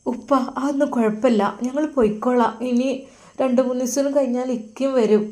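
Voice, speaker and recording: Woman doing a quiet, hurt young daughter. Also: high voice, steady tone, fairly quick, natural voice. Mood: subdued. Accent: Malappuram Malayalam. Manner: quiet and pleading.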